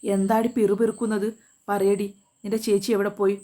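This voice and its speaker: A harsh, domineering older brother in a spoken family story, read by a woman in her own mellow voice. He scolds and barks orders in short angry bursts. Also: mid-range voice, flat delivery, fairly quick, close to an everyday voice. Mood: furious. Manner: scolding, shouting commands.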